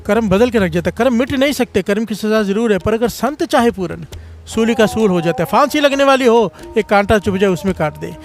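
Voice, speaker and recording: High-voiced man preaching a katha. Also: a little fast, creaky, a little mellow, soft background music. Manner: storytelling, repeatedly calling the congregation to respond; rises in pitch and volume at emphatic points. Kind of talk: Sikh katha sermon.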